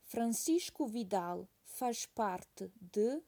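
Woman teacher, dictation pace, each phrase said twice with punctuation spoken; unhurried, warm tone. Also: a little high, expressive. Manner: repeats each phrase slowly, calling out punctuation. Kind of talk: slow dictation with punctuation read aloud.

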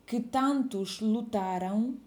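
A woman's voice: on the high side, slow, a little mellow. A woman reading a dictation, saying each phrase twice and calling out the punctuation. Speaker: dictation teacher.

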